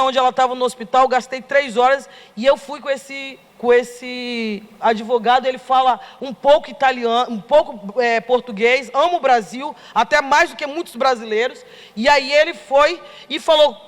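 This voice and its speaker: A middle-aged Brazilian woman giving a lively testimony to a congregation, acting out the dialogue as she tells the story. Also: sits high, moderate pace. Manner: animated storytelling, acts out dialogue. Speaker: church member giving testimony. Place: church hall. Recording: long reverb of a church hall.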